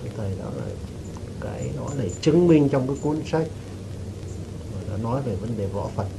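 A man respectfully telling his teacher a story he witnessed, in a hesitant, halting way, with frequent restarts and throat-clearing. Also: mid-range voice, animated. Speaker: devotee giving testimony. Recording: noisy recording with rain behind.

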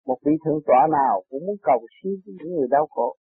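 A man giving an earnest, preachy spiritual talk that turns into excited personal storytelling. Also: a little high, rapid-fire, slightly rough, no echo. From Vietnam. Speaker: spiritual teacher. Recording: tinny lo-fi tape recording, dry.

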